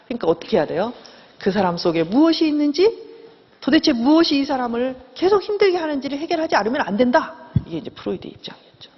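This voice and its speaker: A middle-aged woman professor giving a lecture in a lively way, often acting out the voices she quotes. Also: high-pitched, fast talker, husky. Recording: dull lo-fi sound with long hall reverb.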